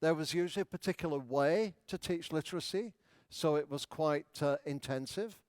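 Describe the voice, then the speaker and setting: A man giving a conference keynote in a large hall, explaining in a measured lecturing manner. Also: on the high side. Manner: playful, leads audience in exercises. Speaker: education speaker.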